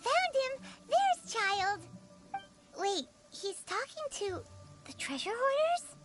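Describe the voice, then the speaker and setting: A woman's voice: extremely high pitch, very animated, slow pace, loud music behind the voice, exaggerated voice. A woman voicing a small, innocent, eager childlike character in a video game, with exclamatory delivery. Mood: excited.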